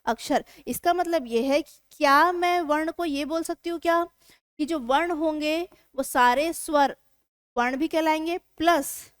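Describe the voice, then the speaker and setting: A woman teaching a grammar lesson for exam preparation, asking her students questions and answering them herself, sounding out letters slowly. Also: high-pitched, no echo, studio quality.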